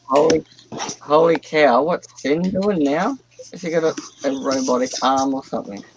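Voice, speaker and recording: Gravelly, easygoing joking man. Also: a little high, moderate pace, slight background noise, rough recording. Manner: easygoing, jokey. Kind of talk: casual group chat.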